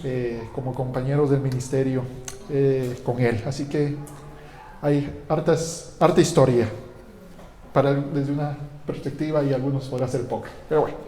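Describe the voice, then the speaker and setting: A man's voice: mid-range voice, fairly even intonation, normal speed, warm tone. A man from Guatemala, a pastor, giving a conversational sermon with frequent fillers and restarts. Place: church hall. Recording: echoey church hall with long reverb.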